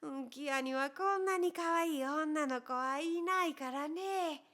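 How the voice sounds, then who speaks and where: A woman voicing a jovial, blunt old male farmer who teases and jokes in a gruff, folksy way. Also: sits high, measured pace, fairly bright tone. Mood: teasing. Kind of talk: audiobook character voice.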